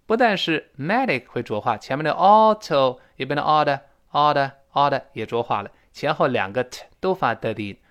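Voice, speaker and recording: A man's voice: medium pitch, fairly bright tone. A man teaching a spoken English lesson, explaining pronunciation and modeling phrases for learners to repeat.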